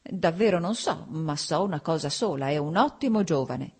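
A woman's voice: sits low, expressive, moderate pace, breathy edge. A woman voicing a cheerful, talkative middle-aged nobleman who coaxes and pleads. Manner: warm, coaxing, talkative.

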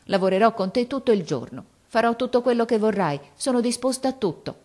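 A woman's voice: on the high side, lively intonation, a little fast, a little mellow, pitched above the performer's own voice. Woman voicing an earnest, determined young girl. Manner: earnest, pleading and insistent. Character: resolute, loving young girl, older sister.

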